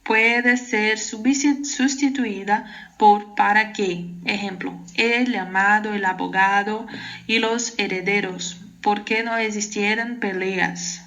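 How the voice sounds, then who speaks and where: A Brazilian woman with a Portuguese accent teaching a Spanish lesson, reading the examples carefully and adding quick asides in Portuguese. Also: mid-range voice, steady tone, fairly bright tone, low-quality recording. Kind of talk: online exam-prep lesson.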